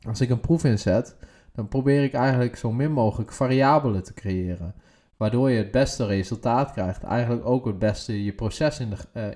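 A man's voice: mid-range voice, mellow. A man co-hosting a podcast, talking in a methodical, searching way in casual chat. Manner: methodical, hesitant, with many fillers and restarts. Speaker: podcast co-host.

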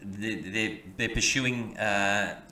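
A man co-hosting a podcast, talking in halting bursts with many stammers and restarts. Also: fairly low pitch, pushed and bright, slight background noise. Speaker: podcast co-host. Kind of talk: opinionated podcast chat. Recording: echoey room, mic at a distance.

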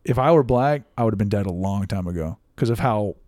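A young man talks through a casual podcast chat with a lively, swooping delivery and plenty of swearing. He acts out the voices of the people in his stories. His voice sounds dry and close to the mic. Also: fairly low pitch, a little fast, no echo. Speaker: podcast co-host.

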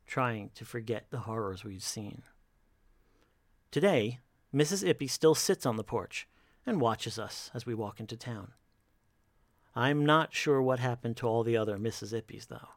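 A man narrating a horror story in a slow, measured, hushed delivery. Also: medium pitch, dry recording, studio quality.

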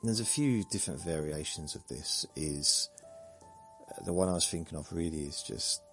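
A man's voice: low voice, normal speed, a bit bright, soft background music. A man hosting a sleep podcast, rambling in a meandering, self-deprecating way with jokey asides. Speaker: podcast host.

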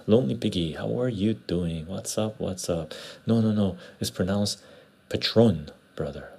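A man with a gravelly, husky voice chatting casually as a livestream host, laid-back and repeating short phrases, recorded on a clip-on lapel mic. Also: on the low side, normal speed, warm tone. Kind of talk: casual livestream chat, greeting viewers and reading comments. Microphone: clip-on lapel mic into external recorder.

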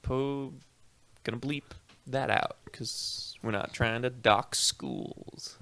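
A young man co-hosting a podcast in casual chat, joking, swearing and laughing, sometimes reading aloud a little haltingly. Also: mid-range voice, fairly even intonation, fairly bright tone. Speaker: podcast co-host.

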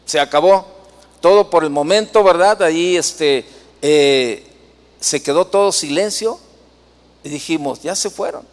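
A man's voice: fairly high pitch, a little slow, pauses often, in a large hall. A man preaching a sermon, telling a personal story in a conversational way, full of fillers and tag questions. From Mexico.

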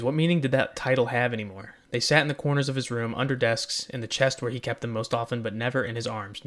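A man's voice: mid-range voice, fairly bright tone. A man co-hosting a podcast, reading fan fiction aloud in a mock-earnest tone. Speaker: podcast co-host.

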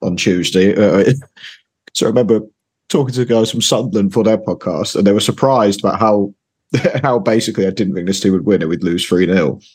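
A man with a low, husky and hoarse voice talks casually as a guest on a football podcast. He hesitates and repeats words as he goes. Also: brisk, darkish tone. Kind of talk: casual chat.

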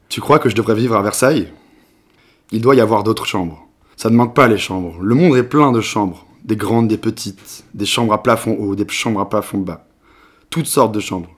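A man's voice: on the low side, close to an everyday voice. A man in his twenties voicing a wounded, brooding young Italian lover in a read-aloud novel, speaking wryly and sardonically. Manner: wry and sardonic.

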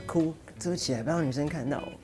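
A man's voice: a little high, fast, loud music behind the voice. A man on a radio chat, telling sentimental stories with emphasis. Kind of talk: casual studio chat.

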